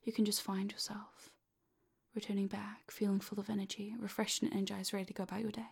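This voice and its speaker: A woman speaks close and low in a breathy, half-voiced whisper, her tone gravelly with fry. She keeps a flat, even pitch and a slow, commanding pace as she guides the listener in hypnosis. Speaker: hypnosis audio creator.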